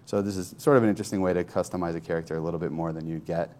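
Low-voiced guy doing an informal software demo, rambly and relaxed. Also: rapid-fire, a little hiss or hum. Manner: thinking aloud, loose and conversational. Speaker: software developer demoing a tool. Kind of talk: informal screen-share tech demo.

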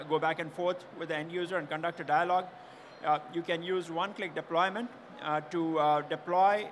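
A man giving a podium speech as a product presenter at a conference, speaking haltingly with frequent hesitations and repeated words. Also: fairly high pitch, fairly bright tone. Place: on stage at a live event. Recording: noisy live stage sound. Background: noise and venue ambience.

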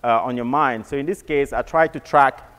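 A man's voice: mid-range voice, normal speed, fairly bright tone, smooth, long reverb tail. A man giving a casual technical walkthrough, often repeating words and restarting phrases. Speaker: presenter.

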